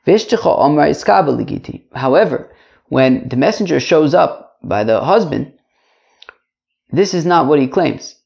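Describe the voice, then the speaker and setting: A man's voice: fairly high pitch, expressive, moderate pace, vocal fry, darkish tone, highs cut off. A man teaching an informal religious lesson to a class, chatty, repeating phrases and checking in with rhetorical questions. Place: indoors.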